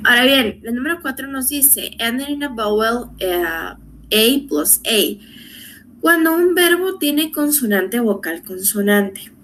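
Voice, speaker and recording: A woman's voice: on the high side, lively intonation, measured pace, fairly bright tone, a little hiss or hum. Patient woman teaching grammar rules. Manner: patient, repeats rules step by step, asks rhetorical questions. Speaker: English teacher. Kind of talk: online grammar lesson.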